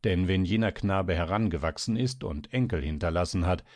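A man voicing a gruff, irritable older male doctor in an audiobook, who grumbles impatiently. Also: sits low, moderate pace, darkish tone, no echo, studio quality, lightly acted. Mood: grumbling.

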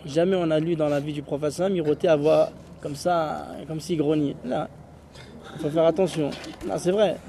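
Arabic teacher lecturing students, mellow voice. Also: male voice, fairly high pitch, steady tone, moderate pace, slight background noise. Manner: explains in French mixed with Arabic phrases, asks "tu vois?" often. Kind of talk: teaching a class.

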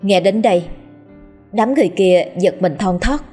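A woman narrating a scripted ghost story in a steady, dramatic storytelling manner. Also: medium pitch, moderate pace, husky, faint music behind.

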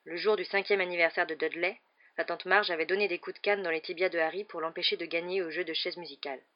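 Audiobook narrator, steady measured read; lo-fi, muffled recording. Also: mid-range voice. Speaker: audiobook reader. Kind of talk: scripted narration. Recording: dull lo-fi recording.

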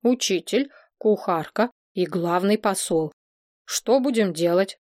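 A woman's voice: mid-range voice, slow, a little mellow, no room sound, studio quality, lightly acted. A woman voicing a sensible talking dragon who reasons things through in a matter-of-fact way. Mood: thoughtful.

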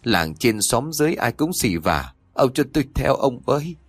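A man's voice: fairly low pitch, very animated, fairly quick, husky, no echo. A man voicing an old mother who scolds her cruel son, then wails in grief. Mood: wailing grief. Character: stern old mother, wronged and grieving.

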